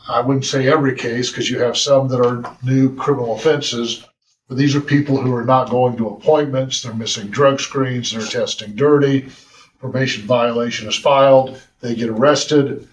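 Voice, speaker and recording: A man's voice: mid-range voice, fairly even intonation. A man, a public defender, speaking earnestly at a county meeting, often restarting his sentences. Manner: earnest, halting with repeated restarts. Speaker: drug court public defender. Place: county council chambers. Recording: roomy chamber audio from far mic.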